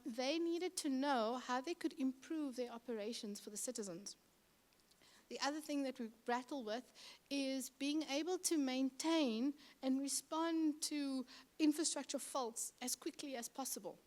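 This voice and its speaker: A middle-aged woman with a Cape Town South African accent and a high, darkish voice gives a conference presentation as a city infrastructure manager. She speaks conversationally, with frequent ums and uhs.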